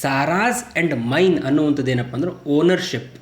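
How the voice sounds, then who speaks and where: A man teaching grammar, reading his English example sentences slowly and deliberately. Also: fairly high pitch, reverberant. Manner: slow, deliberate English example sentences between quick Kannada explanations. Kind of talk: explaining grammar in a lesson.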